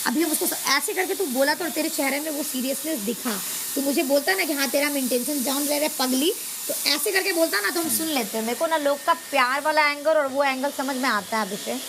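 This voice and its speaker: High-pitched woman, insistent, with hissing noise. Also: a little fast. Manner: emphatic, insistent, repeats herself. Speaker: reality show contestant. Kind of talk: heartfelt casual argument.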